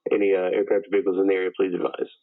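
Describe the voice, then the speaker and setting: A male tower controller gives routine procedural air traffic instructions over the radio. His voice is low and monotone, and he speaks rapid-fire, heard through a tinny, phone-like radio channel.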